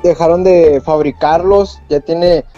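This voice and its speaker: A man's voice: a little high, fairly even intonation, takes it slowly, dark tone, faint music behind. Patient man in his forties over a phone line. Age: 40s. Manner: earnest, patient, explains plainly. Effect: heard over a phone call. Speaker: seller answering a call. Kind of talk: casual phone conversation.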